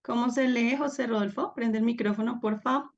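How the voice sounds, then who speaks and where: A woman's voice: fairly high pitch, steady tone, normal speed, lo-fi sound. A woman teaching a live online class, encouraging and upbeat as she calls on students by name over a video call. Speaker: Biblical Greek teacher.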